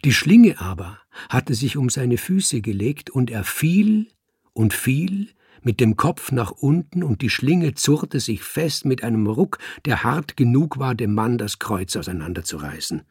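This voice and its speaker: A man reads a dark tale aloud in a measured, vivid way. His voice is gravelly and husky, recorded close and dry with no room sound. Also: mid-range voice, sing-song, dry recording. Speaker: narrator. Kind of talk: dramatic first-person story reading.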